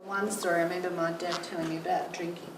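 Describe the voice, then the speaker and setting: Low-voiced woman, amused storytelling, hissy recording. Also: flat delivery, fast. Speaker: oral history interviewee. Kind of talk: anecdote.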